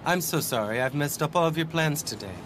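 A man's voice: expressive, fairly quick, fairly bright tone. An actor dubbing an apologetic, solemn young man who delivers grave news carefully in a drama. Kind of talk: dubbed drama. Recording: rumbling noise behind.

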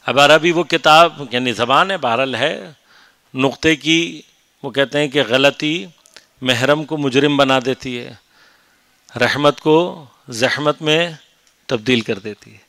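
A man giving a measured, explanatory religious lecture on Quranic commentary, rising into emphatic stretches. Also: mid-range voice, pushed and bright, dry recording.

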